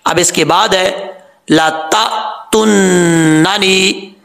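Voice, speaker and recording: A man with a high, gravelly voice gives a Quran pronunciation lesson. He explains the rules plainly and draws out sounds slowly so learners can copy them. The room has an echo. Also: a bit bright. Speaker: Quran recitation teacher. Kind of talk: tajweed lesson.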